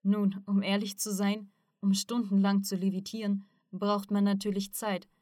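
Narrating an audiobook, a woman gives voice to a calm, learned male mentor, explaining patiently at a moderate pace in a steady, mid-pitched tone with light acting. The sound is close and dry, without any room sound.

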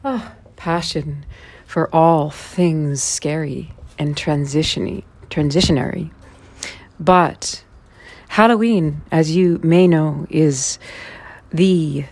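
Woman in her forties, deep voice, host of a listening series, unhurried and musing. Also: darkish tone. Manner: unhurried and musing, with small self-corrections. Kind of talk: unscripted spoken introduction. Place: indoors in Toronto.

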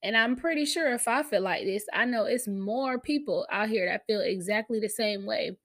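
A woman's voice: fairly high pitch, normal speed. Candid American woman podcaster with a slight cold. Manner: candid, emphatic, slangy and profane. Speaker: podcast host. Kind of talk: casual solo podcast talk.

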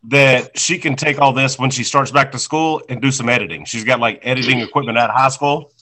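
A man's voice: medium pitch, a little fast, bright, forceful tone, low-quality recording. A man chatting casually on a podcast, easygoing and wrapping things up. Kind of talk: casual chat.

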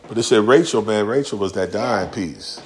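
With a fairly low voice at normal speed, a male pastor gives a conversational church sermon, slangy and relaxed, acting out quotes as he talks directly to his congregation.

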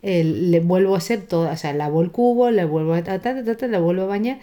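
A woman's voice: fairly low pitch, fast. A woman co-hosting a casual podcast, telling stories and acting out voices. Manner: animated storytelling, acts out voices. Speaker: podcast co-host. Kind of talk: casual chat.

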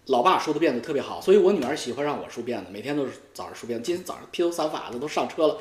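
A middle-aged man, rambling crudely and teasingly in a comic monologue, swearing freely and breaking into loud high outbursts. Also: lively intonation, very fast. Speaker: YouTube streamer. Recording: echoey room.

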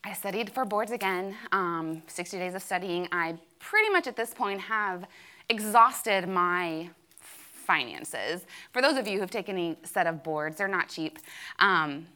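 Woman telling her faith story to a room, bright voice, candid, lots of "like". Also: on the low side. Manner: candid and self-dramatizing, many "like" fillers. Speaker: speaker sharing a testimony. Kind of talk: church testimony talk. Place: room with an audience.

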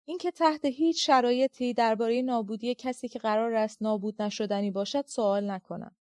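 A woman reading a literary novel aloud as an audiobook narrator, with a measured, reflective delivery. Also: on the high side, darkish tone, dry recording, studio quality.

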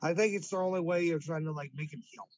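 A man co-hosting a podcast, chatting casually about wrestling and quick to push back. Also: on the high side, a little mellow, lo-fi sound. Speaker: podcast co-host.

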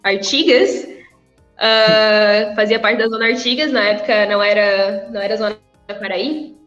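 A young ex-missionary chats casually in an interview, breaking into laughter between phrases. Her voice is medium-pitched and fairly bright, with a steady tone and a slightly slow delivery. The recording comes from an echoey room with dull sound and faint music.

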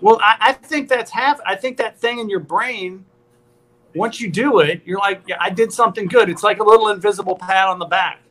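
A man's voice: high voice, fairly quick, a bit bright. A man in his fifties hosting a podcast, talking in a casual, joking, rambling way. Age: 50s. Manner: joking, rambling, self-deprecating. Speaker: podcast host.

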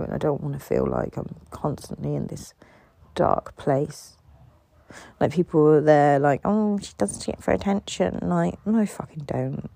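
Brit woman ranting alone on her podcast, low mellow fry-ish voice, dry sound, swears loads. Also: no echo. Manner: rambling, swears a lot, frustrated and raw. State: tired. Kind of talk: candid solo podcast monologue.

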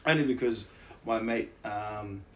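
Low-voiced man with a broad Kiwi accent. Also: measured pace, fairly bright tone, a little hiss or hum. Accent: broad New Zealand. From New Zealand. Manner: laid-back, slangy, self-deprecating. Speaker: interview guest, actor and musician. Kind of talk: casual chat, anecdotes.

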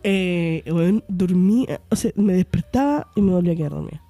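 A Chilean woman co-hosting a podcast, getting over a fever and telling stories in lively slang, acting out the quotes. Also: fairly low pitch, fairly quick, faint music behind. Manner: slangy, animated, acts out quotes. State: recovering from fever. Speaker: podcast co-host. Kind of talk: casual chat, storytelling.

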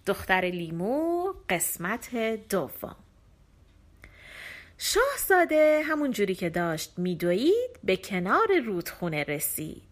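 Expressive woman reading a folk tale. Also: medium pitch. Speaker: storyteller. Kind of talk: audiobook folk tale narration.

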